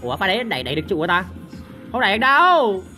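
A young man giving excited gameplay commentary, repeating words in rapid bursts and grumbling at his teammates. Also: high-pitched, faint music behind. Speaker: gaming streamer.

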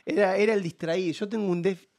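Animated Buenos Aires man telling stories. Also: sits high, fast talker, gravelly. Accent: Buenos Aires Argentine Spanish. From Argentina. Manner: animated storyteller acting out quoted voices. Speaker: podcast guest. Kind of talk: casual interview chat.

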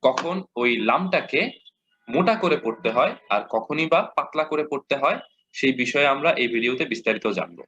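A man with a Bangladeshi Bengali accent teaching a lesson, patiently repeating examples and modeling slow recitation. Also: medium pitch, lively intonation, bright, forceful tone, a little hiss or hum. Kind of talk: explanatory lesson. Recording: dull lo-fi audio.

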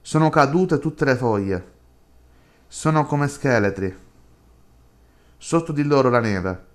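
A man's voice: mid-range voice, expressive, slow. A man reading as a lonely, withdrawn young woman. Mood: subdued.

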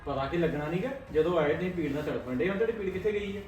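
A man's voice: fairly high pitch, racing, a little mellow, faint music behind, lightly acted. An actor playing a young husband torn between his wife and his mother, exasperated and lecturing. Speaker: son and husband. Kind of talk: family drama acting. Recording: echoey room from a distance.

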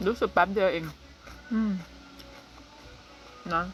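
A woman in her thirties from Thailand, chatting casually to her viewers in an unhurried way, often filling pauses with soft hums. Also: mid-range voice, faint music behind. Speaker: vlogger. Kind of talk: casual chat to camera.

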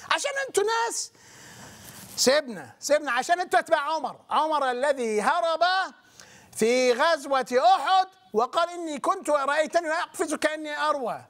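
A man with an Egyptian accent hosting a call-in religious talk show, talking fast and loud in an agitated way. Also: very high voice. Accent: Egyptian Arabic. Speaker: talk show host taking calls.

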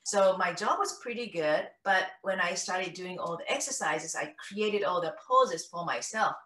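A Japanese woman in her fifties with a Japanese accent, telling her story as an interview guest in an animated way on a video call from home. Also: on the low side, a little slow. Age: 50s. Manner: animated, gestures a lot, acts out what she recalls. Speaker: guest, founder of a face exercise method. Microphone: laptop webcam mic on a video call. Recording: roomy, slightly distant video call audio.

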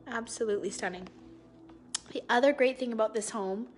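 Holding her phone out at arm's length, a woman with a higher voice tours a big house live for viewers, walking from room to room as an agent. She sounds upbeat, admiring, slow and deliberate, with soft music in the background.

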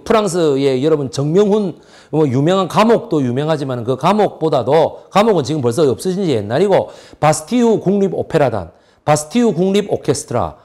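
Animated male history lecturer. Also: fairly high pitch. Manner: lively, asks and answers his own questions.

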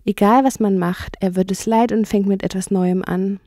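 A woman's voice: medium pitch, fairly even intonation, moderate pace, mellow, dry recording, studio quality, natural voice. A woman voicing a cheerful male water rat who rows a boat, in a children's audiobook. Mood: gossipy.

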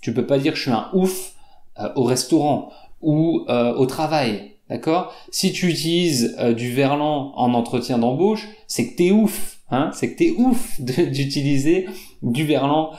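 A man's voice: medium pitch, mellow. Patient French teacher man, echoey room. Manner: slow, patient, repeats examples, many "euh" fillers. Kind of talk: explaining vocabulary to learners.

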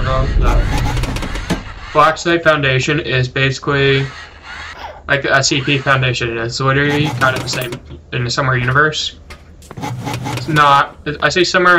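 A man's voice: medium pitch, background noise. A man giving casual gameplay commentary as a gaming channel host, rambling and often correcting himself as he talks. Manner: rambling, self-correcting, chatty.

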